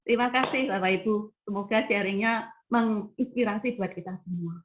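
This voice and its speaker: A woman's voice: mid-range voice, moderate pace. A woman telling a personal story on a video call, acting out the dialogue. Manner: chatty storytelling, acts out quoted dialogue. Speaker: member sharing a testimony. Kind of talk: casual testimony on a video call. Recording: phone-like video call audio.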